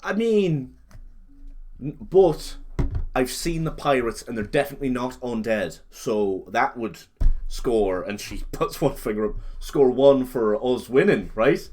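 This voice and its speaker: A man's voice: medium pitch, lively intonation, measured pace, a little mellow, slight background noise. A man casually narrating a tabletop role-playing game, joking and slipping into characters' lines as he goes.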